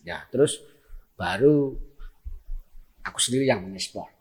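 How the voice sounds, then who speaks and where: A man's voice: medium pitch, animated, unhurried, creaky, breathy edge. A man with a Javanese accent telling a story in casual chat, acting out scenes with sound effects. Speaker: guest telling a tall tale.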